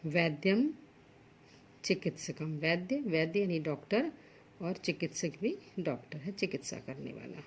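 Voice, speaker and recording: A woman's voice: sits low, big pitch swings, measured pace, a little mellow, a little hiss or hum. A woman teaching Sanskrit to school students, working through textbook exercises. She reads each Sanskrit word and then explains it plainly in Hindi.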